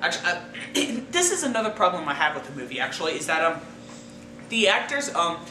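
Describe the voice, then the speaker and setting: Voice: medium pitch, very animated, a little fast, sharp tone, a little hiss or hum. A movie reviewer chatting casually and hesitantly, with many ums and fillers. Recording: roomy distant mic with music.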